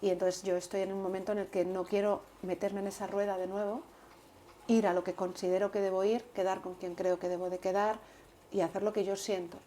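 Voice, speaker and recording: A woman guest in an interview, talking earnestly and in a measured way, often repeating words while she thinks. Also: mid-range voice, little pitch movement, dark tone, slight background noise. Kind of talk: reflective interview talk.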